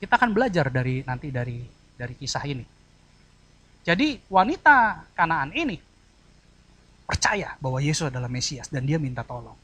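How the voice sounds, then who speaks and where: A man preaching a sermon in an animated, conversational way, acting out tones of voice and checking that the congregation follows. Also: on the high side, normal speed, long pauses. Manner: conversational, mixes colloquial asides into teaching.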